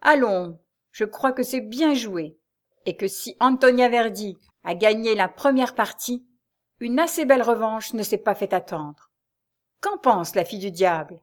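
Une femme qui lit un livre audio et prête sa voix à un mari vengeur, moqueur et froidement ironique. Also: female voice, fairly high pitch, measured pace, close to an everyday voice. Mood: sarcastic menace. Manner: mocking, cold and ironic. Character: sneering vengeful husband, a grown man. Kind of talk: audiobook reading of a serial novel.

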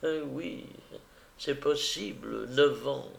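A man's voice: mid-range voice, takes it slowly, vocal fry. A man reading as a mournful rambling widower. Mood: wary.

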